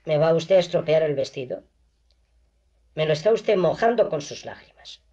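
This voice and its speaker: A reader voicing a kindly, fussy woman who speaks gently, in an audiobook reading on a dull lo-fi recording. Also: medium pitch, animated, moderate pace, close to an everyday voice. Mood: gentle.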